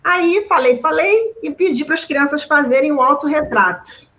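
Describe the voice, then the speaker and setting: A woman's voice: high-pitched, expressive, normal speed, a bit bright, rough recording. Emotional Brazilian woman telling a story. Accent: Brazilian Portuguese. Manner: emotional, close to tears at times; conversational, many fillers and tag questions. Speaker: teacher. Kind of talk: personal story in a discussion.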